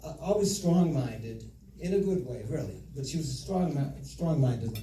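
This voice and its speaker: A middle-aged man giving a humorous father of the bride speech, telling stories with deliberate pauses and repeated phrases. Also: medium pitch, lively intonation, mellow. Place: reception room before an audience. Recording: echoey room, distant mic, audience noise. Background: audience laughter and crowd noise.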